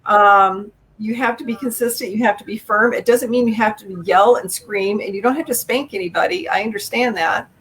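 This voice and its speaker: A woman's voice: mid-range voice, normal speed, few pauses, fairly bright tone, slight background noise, poor audio. A middle-aged woman, an author taking questions in a live video interview, speaking frankly and with strong opinions. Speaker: author guest. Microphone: video call.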